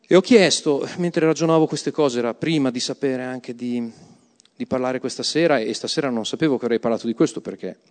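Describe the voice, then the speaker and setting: Brief: male preacher, emphatic, slightly high voice, church hall with long echo. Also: darkish tone. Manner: emphatic, calls the congregation to repeat words. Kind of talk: sermon with Bible reading.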